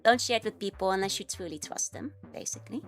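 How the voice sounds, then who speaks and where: A young Dutch-accented woman, a VTuber streamer, chats casually on a livestream, giggling and rambling with plenty of fillers. Her voice sits at medium pitch, and she talks fast.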